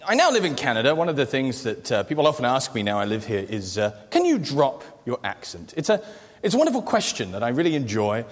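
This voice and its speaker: A man's voice: medium pitch, big pitch swings, fast talker, long reverb tail. A British man from Great Britain doing a stand-up comedy set with dry, self-deprecating asides on a large theatre stage.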